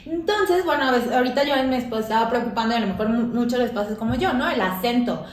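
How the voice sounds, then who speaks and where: A woman's voice: fairly high pitch, animated, fast. A woman hosting a casual interview, chatty and agreeable, asking her guest follow-up questions. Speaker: podcast host. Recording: roomy echo.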